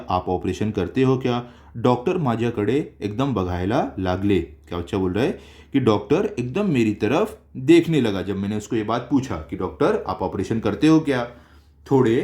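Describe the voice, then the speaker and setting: A man's voice: on the low side, darkish tone. A man teaching a school chapter. He reads each line aloud and then explains it in simple, everyday words, like a tutor going through a textbook.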